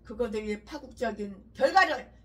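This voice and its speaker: A woman's voice: a little high, animated, moderate pace, sharp tone, slightly rough. A woman pastor giving a fiery sermon, ranting harshly with repeated emphatic phrases.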